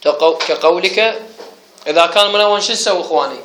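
Bright high-voiced teacher, echoey room. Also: male voice, quick pace. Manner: explanatory, quizzes his students. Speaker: teacher of Arabic grammar. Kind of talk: classroom lecture. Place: classroom with students.

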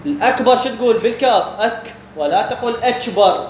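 Speaking quickly in a very high-pitched, animated voice, this Iraqi-accented man explains a religious jurisprudence text to his students. He asks questions and supplies the answers himself, recorded in an echoey room with a faint hum.

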